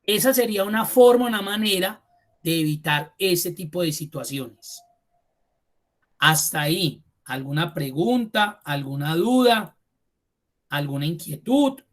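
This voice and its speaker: A man teaching a spreadsheet class online. He repeats key terms slowly for emphasis and speaks to the students directly and informally. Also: high-pitched, lively intonation. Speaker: computer course instructor.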